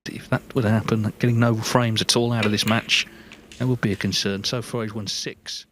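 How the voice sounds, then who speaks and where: A man giving live snooker commentary in a measured, conversational, analytical way. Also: lowish voice, level tone, noisy background.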